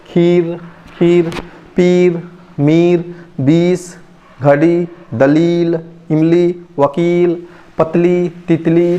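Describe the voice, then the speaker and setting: Male teacher, slightly high voice, drills words slowly, each repeated twice; muffled lo-fi recording. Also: mellow. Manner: reads word lists slowly, repeats each word to stress vowel length. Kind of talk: Hindi phonics lesson. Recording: dull lo-fi recording.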